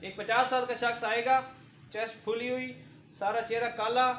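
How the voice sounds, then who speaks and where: A man's voice: very high voice, level tone, normal speed, fairly bright tone, reverberant, slight background noise. A man giving a medical lecture to paramedic trainees, explaining through lists and patient examples.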